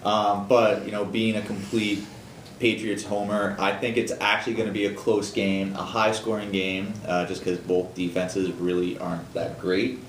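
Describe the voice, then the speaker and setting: Low-voiced guy cohosting a biz news show, lots of ums and restarts, echoey room w faint rumble. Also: flat delivery. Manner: halting, many fillers and restarts. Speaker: co-host. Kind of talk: casual news chat.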